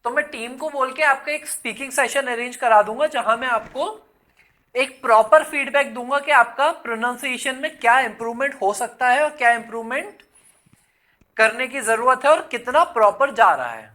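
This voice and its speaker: A man's voice: very high voice, moderate pace, bright, forceful tone. A male English exam teacher giving a casual online lesson, chatty, slipping English words into his Hindi and calling viewers "son". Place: in Hyderabad.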